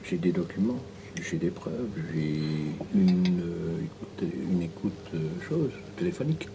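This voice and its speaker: A man talking informally and haltingly, repeating himself for emphasis, secretly recorded on a hidden mic. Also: low-pitched, expressive, creaky, background noise. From Belgium. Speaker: interviewee, former political go-between.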